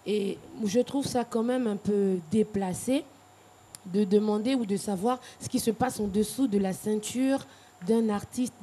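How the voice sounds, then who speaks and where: A woman's voice: mid-range voice, unhurried, warm tone, breathy edge. A woman from Cameroon and Gabon, speaking frankly as a guest in a TV studio interview. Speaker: guest singer.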